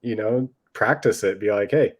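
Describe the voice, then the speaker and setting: A man's voice: on the low side, normal speed, a little mellow. A man co-hosting a podcast in casual chat, laid-back and often calling his friend "dude" and "man". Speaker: podcast co-host.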